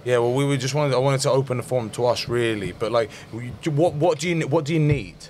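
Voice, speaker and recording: A man's voice: medium pitch, fast talker, darkish tone, slight background noise. A young man hosting a podcast, asking rambling questions with many restarts. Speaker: podcast host, rugby player. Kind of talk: casual interviewing.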